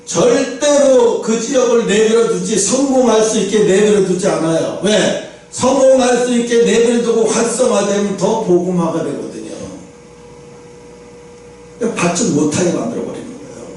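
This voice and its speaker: In a church sanctuary, heard distantly through echo and faint noise, a male pastor delivers his sermon conversationally and throws rhetorical questions to his listeners. His voice is high-pitched, a little mellow, and at normal speed.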